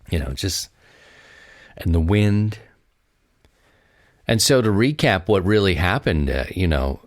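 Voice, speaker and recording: This American podcast host has a deep voice and talks casually to his audience on his own, wandering off in a folksy, rambling manner. The recording is studio quality with no echo.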